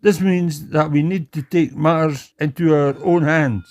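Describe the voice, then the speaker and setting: A man plays an earnest cartoon teammate who takes charge in a homemade show. His voice sits slightly high. He speaks at a very slow, deliberate pace. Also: fairly even intonation, a little mellow, natural voice. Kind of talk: fan-made cartoon voice acting.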